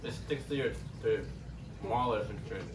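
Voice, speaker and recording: A man's voice: on the low side, normal speed. A young man announcing snacks and joking with friends, slipping in some Spanish. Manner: playful, mixes in Spanish. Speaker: co-host. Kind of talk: casual group snack tasting. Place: small room at a table, indoors. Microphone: far camera. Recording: echoey room from far off, noisy.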